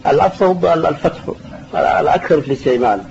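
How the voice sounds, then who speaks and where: A man's voice: on the high side, very fast, gravelly, darkish tone. A man teaching a classroom grammar lesson, patiently repeating key terms and answering students' questions. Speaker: sheikh teaching Arabic grammar. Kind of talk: classroom lesson explaining a text. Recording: dull lo-fi recording with faint hiss.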